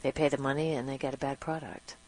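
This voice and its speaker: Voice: mid-range voice, level tone, fast talker, darkish tone, poor audio. A co-host of a radio interview who asks short questions and affirms the guest.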